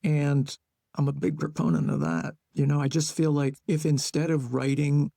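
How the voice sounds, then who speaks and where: A man with a gravelly, low-burning voice speaks as an interview guest. He thinks out loud in short, measured phrases, and his tone sits dark and mellow. The sound is close and dry, with no room around it. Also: no room sound. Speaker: guest, playwright and educator. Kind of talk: reflective conversational interview.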